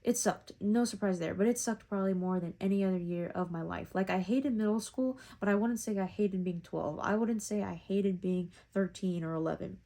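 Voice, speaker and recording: A woman's voice: mid-range voice, moderate pace, few pauses, mellow. A young woman, about to turn twenty-one, talking into her phone in a casual, rambling vlog, reflective and full of fillers. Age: young adult. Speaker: vlogger.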